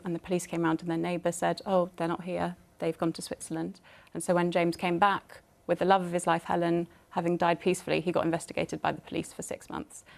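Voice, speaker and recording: A woman's voice: fairly low pitch, gravelly. A woman MP speaking earnestly on a studio panel, telling a personal story. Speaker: member of parliament.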